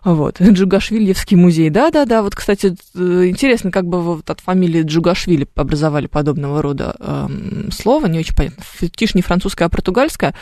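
A woman's voice: fairly low pitch, expressive, brisk, hardly any pauses, dark tone, dry recording. Woman radio host, chatty and explanatory, thinking aloud, dry close studio mic. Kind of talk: live radio call-in chat about language.

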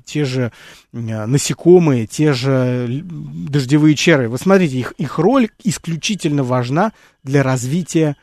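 Guy explaining nature stuff to his "friends", lots of ums and restarts, asks himself questions, average pitch, dry no-echo sound. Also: a little mellow. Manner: thinks aloud with many fillers, restarts and rhetorical questions; addresses listeners as friends. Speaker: host of an educational nature series. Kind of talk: unscripted educational talk.

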